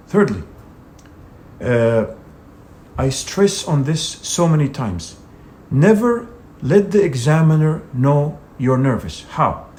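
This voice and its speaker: Here a man with a fairly high, darkish voice runs a video lesson for an English speaking exam. He coaches forcefully and directly, frequently saying "you know."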